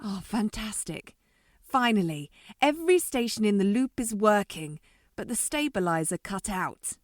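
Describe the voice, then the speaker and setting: A woman's voice: mid-range voice, animated, unhurried, no echo, clean studio sound, lightly acted. A woman voicing a grumpy female alien stuck in a human skin suit, complaining as she talks. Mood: grumbling. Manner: complaining, grumbling. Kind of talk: amateur audio drama.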